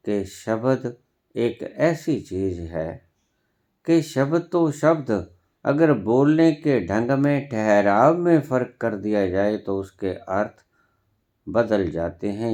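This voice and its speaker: A man with a Punjabi accent delivering a sermon at an unhurried pace, letting long pauses hang between phrases. His pitch swings widely, rising sharply on stressed words and dropping low again. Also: dark tone. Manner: slow, deliberate, with emphatic pauses and rising stresses. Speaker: spiritual teacher.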